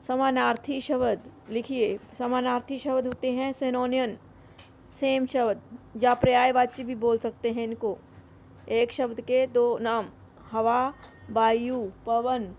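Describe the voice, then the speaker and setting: A woman with a fairly high, slightly mellow voice and a level tone teaches a Hindi grammar worksheet over slight background noise. She says each word slowly, then drills its correct form, mixing in English words as she explains the school exercise.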